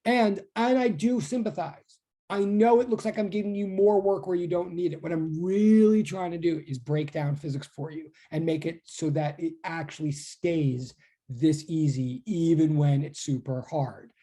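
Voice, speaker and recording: With a deep, mellow voice at a moderate pace and fairly even intonation, a middle-aged woman teaches physics online. She's intense and insistent yet conversational, frequently cutting herself off as she explains.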